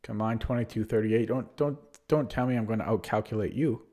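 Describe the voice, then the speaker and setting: In a low, mellow voice delivered a bit quickly, a man narrates his online chess game live. He reasons out loud about his moves, sounding unsure of himself, poking fun at his own play and leaning on frequent fillers.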